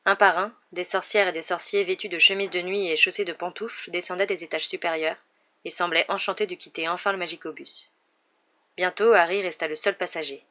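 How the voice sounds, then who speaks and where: Low-voiced woman reading a story. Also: fairly even intonation, a little fast, muffled recording. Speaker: audiobook narrator. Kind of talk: scripted narration.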